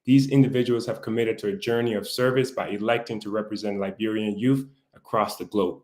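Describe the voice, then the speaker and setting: A man's voice: on the low side, fairly even intonation, brisk, darkish tone. A man hosting a talk show, reading a formal introduction and then asking interview questions in an upbeat way. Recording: roomy echo.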